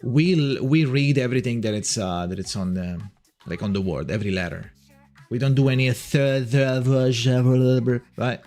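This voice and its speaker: A man's voice: medium pitch, measured pace, a little mellow, faint music behind. A man with an Italian accent, hosting a livestream and chatting casually with his viewers as he reads their messages aloud. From Italy. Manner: rambling, reads chat aloud, frequent restarts. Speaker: livestream host.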